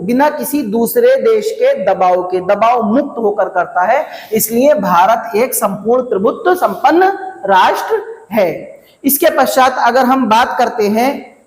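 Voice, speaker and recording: Guy drilling exam prep, repeats stuff slow, big echoey classroom with long reverb. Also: very high-pitched. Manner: repeats key phrases slowly, drilling students. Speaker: exam coaching teacher.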